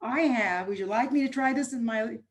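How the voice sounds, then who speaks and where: A woman's voice: a little high, a little fast. A woman who teaches voice-over, chatting easily as a guest over a video call, her phrases loose and trailing. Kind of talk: casual interview chat.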